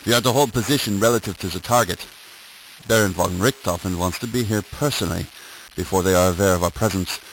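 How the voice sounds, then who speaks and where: A man reading an audiobook voices a calm, dryly amused male dragon pilot who speaks through a tinny, thin wireless radio with no bass. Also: quick pace, a little hiss or hum. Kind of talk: audiobook narration.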